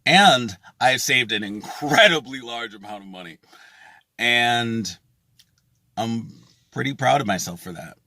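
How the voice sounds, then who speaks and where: A man's voice: medium pitch, expressive, a little slow, sharp tone, no room sound. A man speaking casually and earnestly to his viewers as a music festival vlogger, with emphatic phrasing. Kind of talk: casual to-camera vlog.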